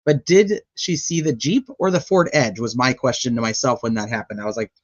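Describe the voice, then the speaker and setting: A woman's voice: a bass voice, a little fast, highs cut off. A woman hosting a true crime channel, casually recapping trial testimony in a rambling, chatty way full of fillers.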